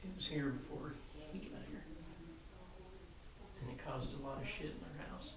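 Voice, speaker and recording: A man on a ghost hunt team haltingly and tentatively describing the impressions he senses. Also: on the high side, gravelly. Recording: very echoey, distant mic, chatter behind.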